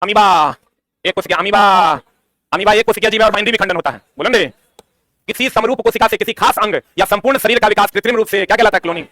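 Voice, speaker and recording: Quizzing his students in an exam-prep science lesson, a man poses questions and answers them on his own. He speaks quickly in a high-pitched voice that sounds pushed and bright. There's no echo.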